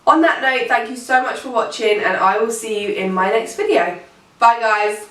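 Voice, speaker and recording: A woman's voice: a little high, moderate pace, fairly bright tone, recorded from a distance, a little hiss or hum. A pregnant young woman in her late teens, talks casually to camera. She rambles and fills her speech with "um" and "like". Her voice comes through an echoey room from a mic set back from her. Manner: rambling, chatty, many fillers. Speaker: vlogger.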